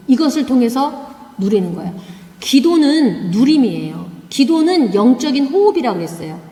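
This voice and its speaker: A woman's voice: fairly high pitch, dark tone. A woman preaching a sermon, emphatic, often asking rhetorical questions. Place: church sanctuary. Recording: echoey church hall.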